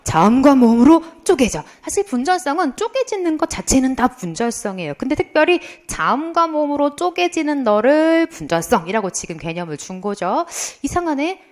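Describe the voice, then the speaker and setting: A woman's voice: high voice, fairly quick, few pauses. A middle-aged woman lecturing for an exam prep course, quizzing students and then answering her own questions in a playful way. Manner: lively, asks students questions and answers them herself; playful, imitates sounds and tells funny anecdotes. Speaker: Korean language lecturer.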